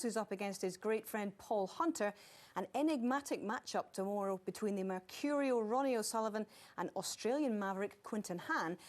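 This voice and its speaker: Polished woman presenting televised sport. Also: fairly high pitch. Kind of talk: scripted sports broadcast presenting.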